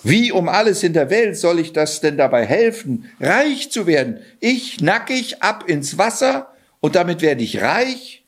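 A man's voice: sits high, sing-song, measured pace, voice pushed up, full character voice. A man voicing a bewildered young peasant in a spoken fairy tale, protesting in a fluster.

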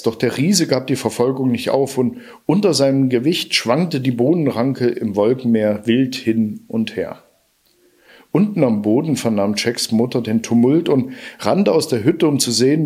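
A man narrating a fairy tale aloud in a lively, expressive storybook reading. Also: mid-range voice, husky.

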